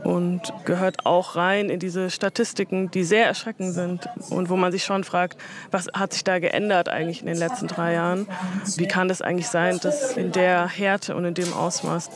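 A woman who grew up in Germany, giving measured, reflective answers in an interview. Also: lowish voice, level tone, a crowd in the background. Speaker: interview guest.

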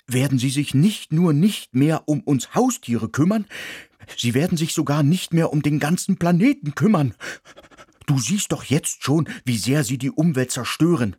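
A man's voice: on the high side, darkish tone, breathy edge, no room sound, studio quality, pitched above the performer's own voice, exaggerated voice. A man voicing a male dog who speaks earnestly and insistently.

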